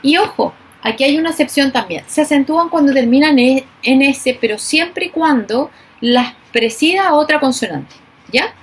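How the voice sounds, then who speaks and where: A woman teacher giving a recorded class, speaking slowly and emphatically and stressing each example word. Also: high voice, lively intonation.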